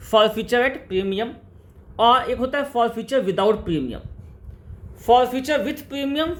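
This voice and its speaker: A man teaching company accounts, repeating key terms slowly and firing rhetorical questions at his students. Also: extremely high pitch, a bit bright. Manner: repetitive, drilling, slows right down to spell out key terms. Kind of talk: classroom-style lecture in Hindi-English mix.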